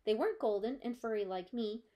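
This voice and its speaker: A woman's voice: fairly high pitch, a little fast, warm tone. Woman librarian reading a children's book. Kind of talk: children's book read-aloud.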